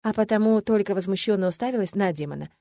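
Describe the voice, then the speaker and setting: A woman narrating a novel in the first person, in a steady audiobook reading style. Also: medium pitch, fast talker, no room sound.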